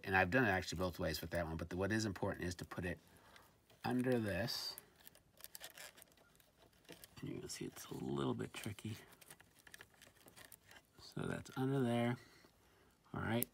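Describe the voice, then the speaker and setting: On the low side and gravelly, though with a fairly bright tone, a man casually demonstrates a product while presenting a gadget review at an indoor tabletop. He's a bit hesitant and seems to think aloud, and faint background noise and handling clicks are audible.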